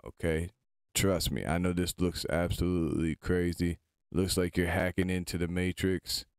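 A man's voice: sits low, level tone, normal speed, clean tone, no room sound. A man hosting a screen-recorded tutorial, chatting informally as he gives step-by-step instructions into a close mic. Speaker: tutorial host.

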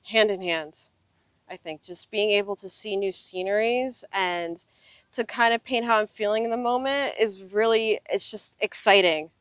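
A woman in her thirties, an interview guest who travels full-time in an RV, speaks earnestly and reflectively in a casual, conversational interview. Her medium-pitched voice moves at normal speed and sounds fairly bright, clear and resonant. She's recorded outdoors on an open desert gravel lot with a clip-on lapel mic, and there's no room sound.

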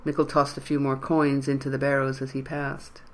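A narrator reading a fantasy novel in an even, measured storytelling way. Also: medium pitch. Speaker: audiobook narrator. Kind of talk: scripted narration.

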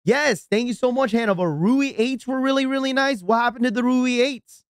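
Smooth-voiced man ranting on a live stream. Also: very high-pitched, moderate pace, no room sound, studio quality. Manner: ranting, exasperated, shouts out subscribers. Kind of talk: live stream reacting and chatting with viewers.

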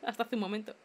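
Excitable young woman. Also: on the high side, slight background noise. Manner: animated, exclaims and laughs often. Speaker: gaming YouTuber. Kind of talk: excited let's-play commentary.

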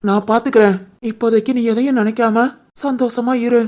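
A woman voicing a devoted, protective young husband in an animated family drama, with a soft pleading manner and a Tirunelveli Tamil accent. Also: fairly high pitch, a little fast, lightly acted. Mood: resolute.

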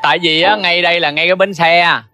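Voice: mid-range voice, steady tone, fast talker, lightly acted. An actor playing a weary Southern older son. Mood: coaxing. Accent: Southern Vietnamese. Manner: coaxing, exasperated, turns to anguished shouting. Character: dutiful older son, weary but patient. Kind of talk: cải lương stage acting. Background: music.

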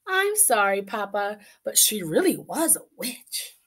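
A woman's voice: mid-range voice, sing-song, unhurried, fairly bright tone, husky, full character voice. A woman voicing an eager little girl chicken in a storybook, pleading and dramatic in a childlike way. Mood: eager, apologetic.

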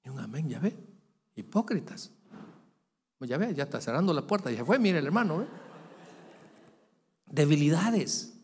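A male pastor preaches in a fairly high, very lively voice. His delivery jumps from loud, stretched-out calls down to soft, confiding asides. The sound carries a long reverb from a large church hall. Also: normal speed, pauses often, husky. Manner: animated preaching, voice swinging from loud peaks to quiet asides. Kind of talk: sermon.

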